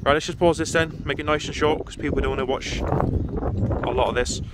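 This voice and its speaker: Standing outdoors on a station platform, a man records a casual vlog on his handheld phone as a train vlogger. His voice is on the high side, with fairly even intonation and normal speed, and he rambles chattily, repeating himself with fillers. The background is noisy.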